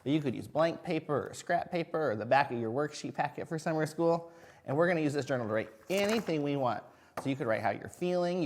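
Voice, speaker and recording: Male first grade teacher, mid-pitched, addressing small children in simple, encouraging language with lots of questions and carefully separated words. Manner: encouraging, singles out and spells words slowly. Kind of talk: children's video lesson.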